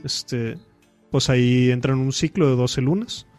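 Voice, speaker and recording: A man's voice: medium pitch, a little slow, darkish tone, smooth, soft background music. A man, a podcast guest and author, talking casually with slang and many fillers.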